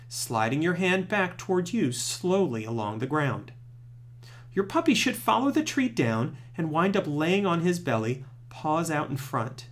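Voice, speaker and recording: Male presenter for scripted tutorial narration. Strongly varied intonation, pitch a touch above average, clear instructional delivery. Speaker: presenter of puppy training tips.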